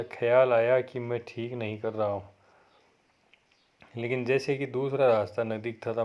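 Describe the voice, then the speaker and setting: A college lecturer reads a story aloud to his class and explains it, keeping a steady read-aloud pace and correcting himself now and then. His voice is mid-range, and the sound is lo-fi.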